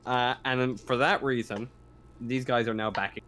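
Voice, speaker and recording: A man acts as game master, talking through a tabletop scene in casual narration. His pitch is mid-range, and faint noise sits in the background. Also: fairly even intonation, normal speed, fairly bright tone.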